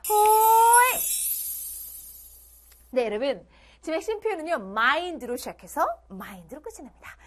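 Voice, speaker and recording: A woman's voice: high voice, sing-song, moderate pace, fairly bright tone. A woman teaching English in an online lecture for middle schoolers, playful, acting out dialogue lines.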